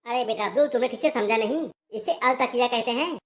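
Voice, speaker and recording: A woman's voice: a little high, fast, natural voice. A woman voicing a scheming 60-year-old man in a cartoon comedy, bossy and lecturing. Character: scheming 60-year-old male infiltrator, the uncle.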